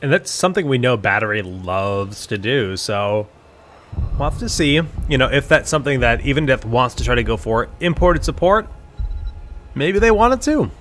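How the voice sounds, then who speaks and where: A man's voice: mid-range voice, sing-song, normal speed, fairly bright tone. Thoughtful man analysing a game draft. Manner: thinks aloud, hesitant restarts. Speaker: esports caster.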